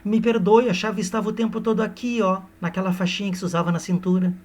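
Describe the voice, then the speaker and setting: A man voicing a dramatic, demanding young noblewoman with a swooning, theatrical, high-pitched voice. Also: little pitch movement, fast talker, darkish tone. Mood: tipsy. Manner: swooning, theatrical falsetto-ish pleading.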